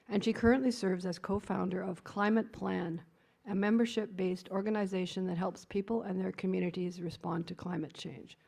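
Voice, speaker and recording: A woman's voice: mid-range voice, gravelly, darkish tone. A woman at a service who formally introduces the guest speaker, reading from a prepared text.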